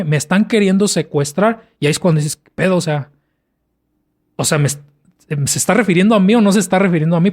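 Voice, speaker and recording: A young Mexican man chatting on a podcast, his voice sitting a little high for a man. He rambles through a long story, piling on slang and fillers as he goes. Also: darkish tone. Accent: Mexican Spanish. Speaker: podcast co-host. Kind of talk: casual chat.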